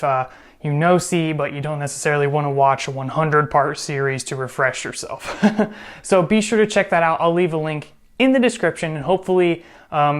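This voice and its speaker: His voice sits on the high side and sounds smooth as he teaches programming in a casual screen-recorded tutorial. The instructor keeps things chatty and jokey, correcting himself along the way.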